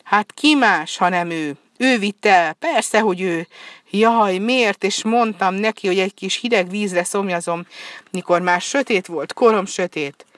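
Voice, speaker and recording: A woman voicing a distraught old grandfather who cries out loudly in a storybook reading. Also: mid-range voice, no room sound, close to an everyday voice. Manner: loud, distraught.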